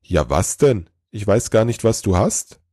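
A weary, kindly old Santa talks slowly and calmly, as a man reads him in a storybook. His voice sits very low, grandfatherly and unhurried. The sound is close and dry. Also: dry recording. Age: older. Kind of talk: storybook reading.

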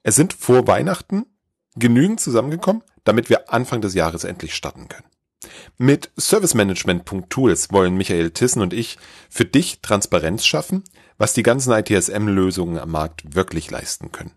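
A man hosts a podcast and reads an upbeat, scripted announcement straight to the listener. His voice is on the low side. The sound is close and dry. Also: big pitch swings, moderate pace, slightly rough, dry recording. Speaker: podcast host.

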